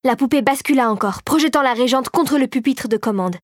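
A woman's voice: high-pitched, a little fast, dry recording, clean studio sound. Woman reading a storybook aloud. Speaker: narrator. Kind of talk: audiobook narration.

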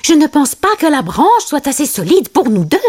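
A woman's voice: sits high, very animated, moderate pace, a little mellow, pitched above the performer's own voice. Timon, a woman doing a chirpy little meerkat. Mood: excited. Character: chatty, bossy little male meerkat.

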